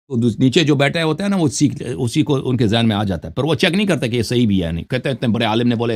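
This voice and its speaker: Insistent lecturing man, lively pitch. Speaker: debater. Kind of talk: heated debate call.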